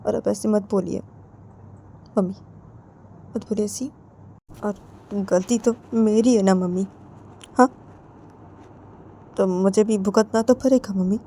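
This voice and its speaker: A woman's voice: medium pitch, mellow, close to an everyday voice. A woman voicing an indignant young woman who fires off insistent questions.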